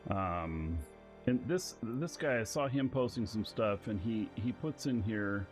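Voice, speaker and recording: Slow, relaxed low-voiced man streaming. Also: faint music behind. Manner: relaxed, thinking aloud. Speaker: game streamer. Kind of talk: casual live-stream commentary.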